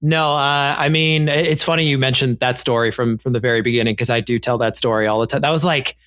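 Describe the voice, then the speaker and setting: A man who produces a podcast, speaking in a heartfelt, halting way with many fillers. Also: mid-range voice, fairly even intonation, fairly bright tone, no room sound. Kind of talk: casual chat.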